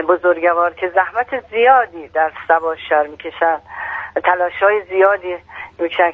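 A woman's voice: on the low side, dry recording, phone-quality sound. Woman reporting hesitantly over the phone. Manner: halting, with restarts and fillers. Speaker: phone-in reporter for a local prayer office. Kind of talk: phone report on local events.

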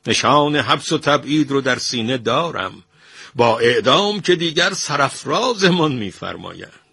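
A man voicing an elderly master painter who answers quietly and with dry defiance, husky-voiced. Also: mid-range voice, animated, no echo, voice pushed up, heavily acted. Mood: wry. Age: older. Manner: quiet, measured, dryly defiant. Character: elderly male master painter, calm and wry.

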